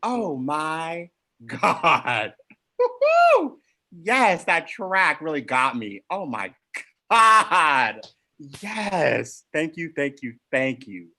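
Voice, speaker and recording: Showcase host, super gushy, voice swoops all over, slow drawn-out exclaiming. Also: mid-range voice, sing-song, sharp tone. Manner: effusive, exclamatory, gushing. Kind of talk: live online showcase hosting.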